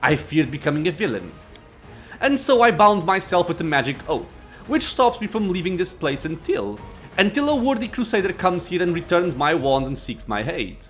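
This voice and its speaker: A man's voice: high-pitched, big pitch swings, moderate pace, soft background music. A man voicing an ancient undead lich master from a fantasy game, lordly and impatient, speaking in formal, archaic phrases. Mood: proud, impatient. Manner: imperious, archaic formal speech. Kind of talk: acted reading of fantasy game dialogue.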